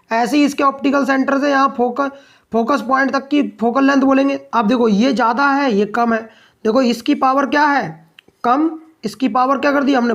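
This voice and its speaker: A man's voice: very high voice, a bit bright. A male science teacher giving a classroom lesson. He asks the class questions and answers them himself, and he repeats key points so they stick. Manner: dictates notes slowly, word by word.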